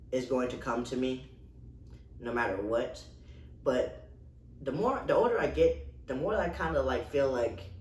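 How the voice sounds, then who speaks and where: Young male music reviewer, hyped and profane, mid pitch, distant mic in a roomy space. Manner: excitable, heavy swearing, slangy. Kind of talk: casual reaction-style album review. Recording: echoey room, voice far from mic, faint hiss.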